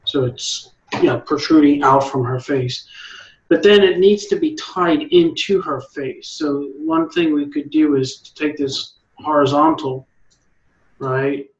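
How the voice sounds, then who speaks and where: A man critiques a drawing for an online art group, encouraging and quick to restart his sentences. His voice sits a bit high, and the recording is roomy and muffled. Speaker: art instructor leading a meetup. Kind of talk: art critique, casual coaching.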